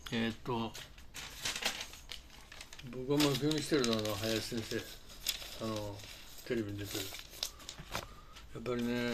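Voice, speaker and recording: A man, an English conversation teacher talking casually to camera in a rambling, halting way full of fillers and restarts. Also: mid-range voice, background noise. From Japan. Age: 60s.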